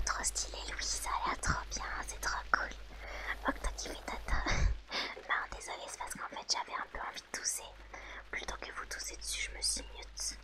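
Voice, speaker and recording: A woman whose first language is French whispers softly to her audience in ASMR style. She reads out names from the chat and answers them gently.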